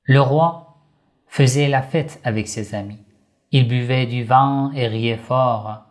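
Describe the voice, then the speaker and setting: A man slowly narrating a religious story for children, addressing young listeners gently and deliberately. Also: mid-range voice.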